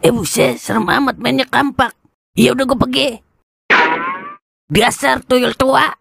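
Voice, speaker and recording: Actor doing a cheeky boy, mocking, very gravelly, dry. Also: high-pitched, a little slow, fairly bright tone, dry recording, heavily acted. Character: cheeky young boy teasing an older man.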